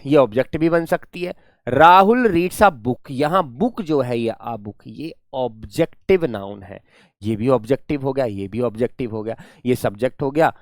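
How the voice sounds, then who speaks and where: Lively man teaching grammar. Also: fairly high pitch, no room sound, studio quality. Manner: lively, coaxing, calls students "my friend" and "my child". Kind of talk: classroom lecture.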